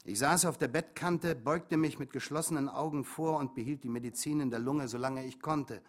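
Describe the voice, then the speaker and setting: Male audiobook reader, calm and measured. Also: medium pitch. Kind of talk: memoir read aloud.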